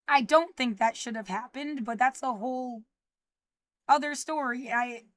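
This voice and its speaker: An anxious woman in her mid-thirties talks straight into her phone or webcam in a rambling livestream, stopping and restarting often. Her voice sits a little high. The sound is close and dry, with no room behind it. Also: a bit bright, no room sound. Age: 30s. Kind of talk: livestreamed personal monologue.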